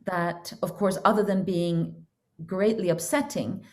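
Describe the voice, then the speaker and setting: A woman's voice: fairly low pitch, steady tone, unhurried, a little mellow. A middle-aged woman from Norway, a counselor and coach, talks as a podcast guest in an earnest, reflective way about her inner journey. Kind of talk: casual interview talk.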